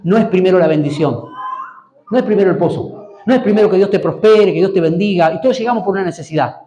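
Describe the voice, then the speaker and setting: Pastor, male, high mellow voice, call-and-response sermon, echoey church hall. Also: fast, dull audio. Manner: preaching with call-and-response prompts to the congregation.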